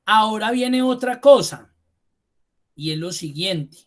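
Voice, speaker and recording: A man's voice: high voice, lively intonation. Man teaching, repeating key words. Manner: repeats key terms slowly for emphasis; addresses students directly and informally. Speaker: computer course instructor. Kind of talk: online class lecture.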